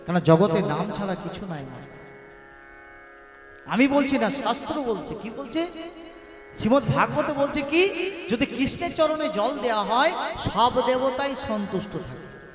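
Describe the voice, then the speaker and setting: A man preaching a devotional sermon between sung verses, asking his listeners rhetorical questions and calling out for responses. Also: high voice. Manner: call-and-response with the audience. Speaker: kirtan singer and preacher. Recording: roomy echo with long reverb. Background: devotional music playing.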